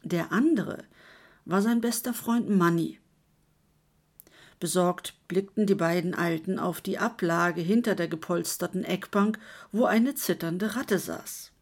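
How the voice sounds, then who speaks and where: A woman narrating a story in a measured, scripted reading. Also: fairly low pitch.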